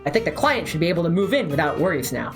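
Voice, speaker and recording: A woman's voice: fairly low pitch, very animated, rapid-fire, faint music behind, pitched below the performer's own voice. A woman reading the lines of a stiff, formal young female squad officer in a game story, businesslike in tone.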